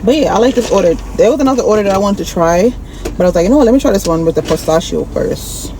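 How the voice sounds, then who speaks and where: A woman with a slightly low, creaky voice talks casually to her vlog audience in informal slang. There is clear background noise around her, like ambience in a car. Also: expressive, racing, dark tone, rough recording. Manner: informal, slangy, addressing viewers directly. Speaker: vlogger. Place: partly inside a car.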